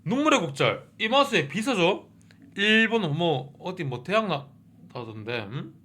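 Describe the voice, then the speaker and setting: Hyped guy rambling about an old tv drama, high bright voice, jumps all over the place pitch-wise. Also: measured pace. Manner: excitable, keeps asking 응? and 어? mid-sentence. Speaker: review channel host. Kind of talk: casual commentary on a TV drama.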